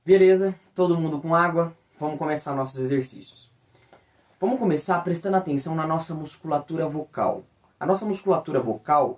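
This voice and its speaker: A man from Brazil, a teacher and voice coach, giving an instructional talk and varying his pitch expressively to demonstrate speaking. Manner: expressive, swings pitch widely to demonstrate speech. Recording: voice somewhat distant from the mic.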